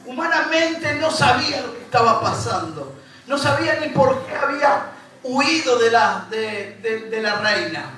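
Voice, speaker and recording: A man's voice: very high-pitched, animated, unhurried, bright, forceful tone. A man with a Rioplatense accent preaching a sermon as pastor, repeating phrases and speaking straight to his congregation. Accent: Rioplatense Spanish. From Uruguay. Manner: preaching with repetition and rising emphasis, addressing the congregation directly. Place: church hall. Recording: echoey church hall from far off, music behind.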